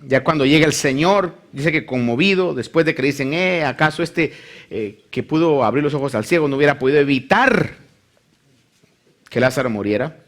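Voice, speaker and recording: A man's voice: fairly high pitch, normal speed. A male pastor preaching a sermon, reading scripture and acting out the people in the story. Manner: animated preaching, acts out voices of the Bible story.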